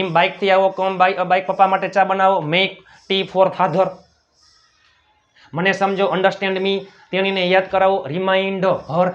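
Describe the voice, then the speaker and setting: A high-pitched man with a Gujarati accent runs a spoken English lesson. He drills short phrases, saying each one more than once. The sound is dull and muffled. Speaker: English teacher.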